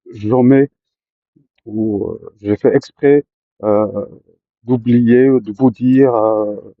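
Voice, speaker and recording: A man telling his own life story to listeners, often pausing with fillers and restarting his sentences. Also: mid-range voice, no echo, narrow, tinny audio. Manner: hesitant, many fillers and restarts. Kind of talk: personal storytelling to camera.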